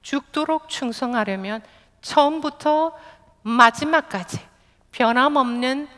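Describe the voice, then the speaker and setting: Woman pastor preaching, kinda high voice, long church echo. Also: a little slow, fairly bright tone. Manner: earnest preaching, voicing Jesus' words tenderly. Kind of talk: sermon. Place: large church sanctuary. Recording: long hall reverb from a church.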